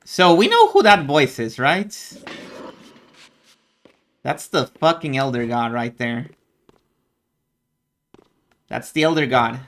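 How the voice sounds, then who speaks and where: A man's voice: mid-range voice, sing-song, takes it slowly, long pauses, a bit bright. A man giving casual video game commentary as a streamer, informal and reacting off the cuff.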